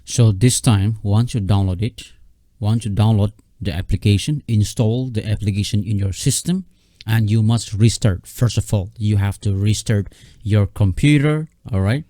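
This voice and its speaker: In a studio-quality, dry recording, a software tutorial host with a deep, mellow voice talks casually through his screen without a script. His delivery halts, repeats itself, and keeps checking in with the listener.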